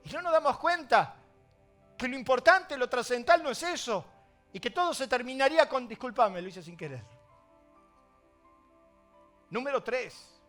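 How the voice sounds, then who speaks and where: A man with a Rioplatense Spanish accent preaching a sermon as pastor, swinging between loud emphasis and hushed asides. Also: very high voice, lively intonation, normal speed, soft background music.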